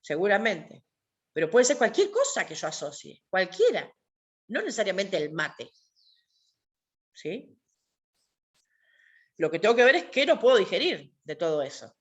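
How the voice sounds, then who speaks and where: A woman's voice: mid-range voice, a bit bright. A woman with an Argentine accent teaching an online class, explaining with emphatic repetitions and rhetorical questions. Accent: Argentine Spanish. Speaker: workshop teacher.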